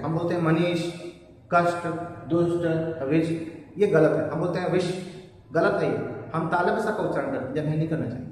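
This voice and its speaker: A man's voice: high-pitched, darkish tone, a little hiss or hum. A man teaching a lesson to students, explaining step by step and answering his own questions. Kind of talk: classroom lesson on Hindi pronunciation. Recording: echoey room, voice from far off.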